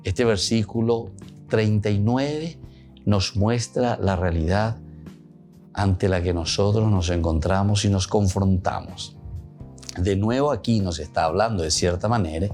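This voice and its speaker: A man with a Paraguayan Spanish accent delivers a reflective homily in a deep, low voice. He keeps slipping between Spanish and Guaraní and circles back to repeat his points. Faint music plays behind him. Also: unhurried, darkish tone. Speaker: priest.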